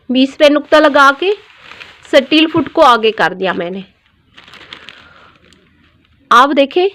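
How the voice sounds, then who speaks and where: High-voiced lady explaining trouser cutting real slow, repeats every number. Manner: slow, patient, repeats each measurement. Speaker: dressmaking teacher. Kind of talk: step-by-step sewing tutorial.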